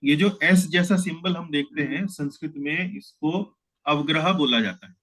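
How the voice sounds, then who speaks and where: A man leads an online verse class, explaining step by step with patient care. His voice sits somewhat high for a man, and he counts syllables out one by one as he teaches. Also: normal speed, fairly bright tone, rough recording. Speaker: teacher of Gita verse memorization. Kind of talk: online class over video call.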